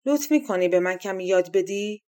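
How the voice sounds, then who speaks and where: A woman's voice: mid-range voice, lively intonation, mellow, close to an everyday voice. A woman voicing a big, eager bear in a fairy tale, asking in a pleading way. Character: big eager bear wanting to play violin.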